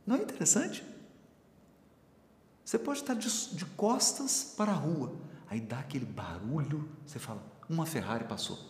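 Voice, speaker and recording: A man's voice: on the high side, wildly swooping pitch, normal speed, pauses often, a little mellow. A man teaching a Bible study, explaining with everyday examples and asking his listeners questions. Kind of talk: spiritual teaching talk. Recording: echoey hall with faint room noise.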